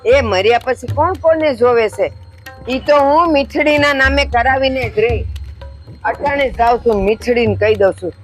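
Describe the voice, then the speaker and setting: A woman's voice: on the high side, normal speed, faint music behind. An older woman, acting as a scheming, scolding mother-in-law in a village family drama. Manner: scolding, domineering.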